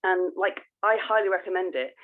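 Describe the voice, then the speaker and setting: The recording is narrow and phone-like: a woman co-hosting a podcast explains things informally in casual conversation, often restarting her sentences. Her pitch is fairly low and she talks fairly quickly.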